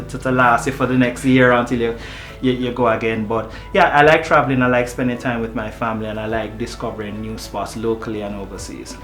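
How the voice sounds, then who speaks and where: A man who works as a marketing manager, answering interview questions in a relaxed way, often repeating words as he starts a thought. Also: medium pitch. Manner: easygoing, halting with repeated words. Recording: echoey room with music behind.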